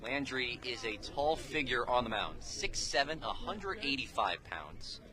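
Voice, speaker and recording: A man with a medium-pitched, lively voice calls baseball play-by-play live for radio, unhurried, in clipped and descriptive phrases. The background is noisy at the outdoor ballpark, where he sits beside the field.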